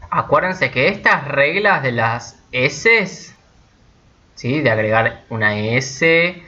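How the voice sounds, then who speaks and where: A man whose first language is Spanish teaching English grammar step by step, often checking in with his students and slowing down to stress each example sentence. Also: mid-range voice, sharp tone. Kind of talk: recorded grammar lesson. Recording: dull lo-fi recording.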